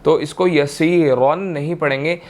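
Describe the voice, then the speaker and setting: A man with a Pakistani Urdu accent teaching tajweed, chanting verses in long drawn-out tones and then explaining each rule briskly, often checking in with "theek hai". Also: a little high. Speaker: Quran recitation teacher. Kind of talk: tajweed lesson, slow chanted recitation then quick explanation.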